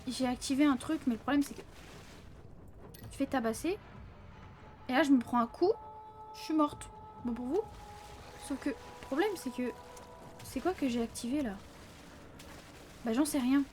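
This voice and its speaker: Chatty high-voiced woman gaming. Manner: chatty, addresses viewers, frequent "hein"; flustered yelps and exclamations under stress. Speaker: let's play gamer. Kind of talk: casual gaming commentary. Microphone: close desk microphone.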